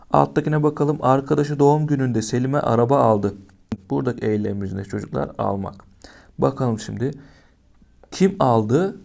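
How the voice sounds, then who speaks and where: A man's voice: mid-range voice, gravelly, warm tone. A man teaching a primary school lesson, patiently asking young children questions and answering them himself.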